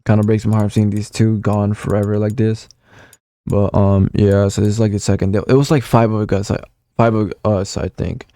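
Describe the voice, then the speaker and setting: A gaming vlogger, a young man of about nineteen, reminisces casually while scrolling back through old console messages, rambling with plenty of fillers and the occasional swear. His voice is lowish, level, and mellow at a normal speed, captured in studio quality without room sound.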